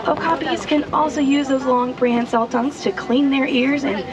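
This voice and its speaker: A woman with a high-pitched voice gives rehearsed safari tour commentary. She speaks outdoors on a truck, with heavy crowd chatter and vehicle rumble around her. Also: steady tone, moderate pace, dull audio.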